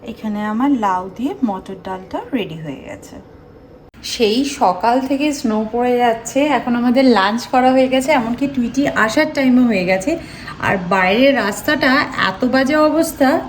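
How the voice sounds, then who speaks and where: A chatty woman in her thirties with a Bengali accent, talking through her day in a casual home vlog. Her voice sits a little high, with a faint hiss of room noise behind it. She explains cooking tips step by step. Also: a little slow. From India. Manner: speaks softly so as not to disturb others. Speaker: vlogger.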